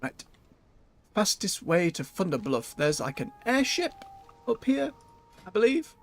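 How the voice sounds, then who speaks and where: A man's voice: high-pitched, big pitch swings, a little slow, vocal fry, slight background noise. Chatty man commentating on a game. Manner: chatty, muttering to himself. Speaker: video game streamer. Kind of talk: casual gameplay commentary.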